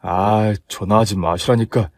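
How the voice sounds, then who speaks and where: A meek young man, acted by the storybook's narrator, mumbles apologies to his angry bride. The voice drops lower and quieter than the narration. It sits dry and close to the mic. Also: fairly even intonation, unhurried, dry recording. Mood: sheepish. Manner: timid, apologetic.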